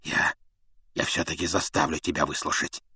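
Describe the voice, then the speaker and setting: A man voicing a grim male fugitive with a hoarse, rasping voice. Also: rumbling low, little pitch movement, moderate pace, pushed and bright, no echo, clean studio sound, voice pushed down, exaggerated voice. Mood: strained.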